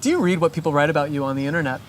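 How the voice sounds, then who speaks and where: An interviewer runs through quick questions with short, upbeat reactions between them. The voice sits at a middle pitch, with a faint hiss of noise in the background. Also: expressive. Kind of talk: rapid-fire interview questions.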